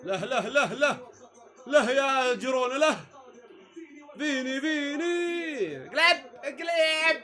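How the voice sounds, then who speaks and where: A man reacting live to a football match, excitable, often shouting and jeering at the play. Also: extremely high pitch, slow, pauses often.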